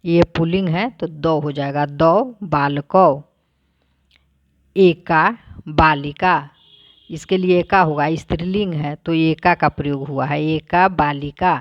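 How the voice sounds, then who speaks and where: A woman teacher who reads each word aloud, then explains it plainly, in a slow, deliberate lesson. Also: deep voice, no echo, highs cut off.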